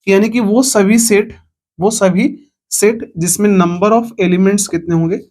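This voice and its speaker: A man with a high voice is teaching an online maths lesson. He goes through each point step by step. He often asks the class whether they follow. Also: steady tone, unhurried, darkish tone. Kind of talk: online lecture.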